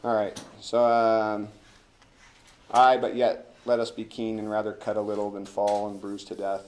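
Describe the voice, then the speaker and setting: This American man has a fairly low, darkish voice and a completely flat delivery. He is leading a loose classroom talk about a play indoors, halting and colloquial, rambling and cracking jokes as he gropes forward. Background hiss and a roomy classroom echo color the recording.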